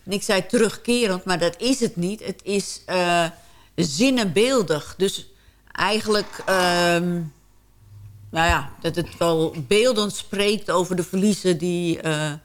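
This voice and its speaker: A woman co-hosts a local radio show in a somewhat low voice. She talks casually, pausing and restarting as she searches for the right word. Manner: halting, searches for words.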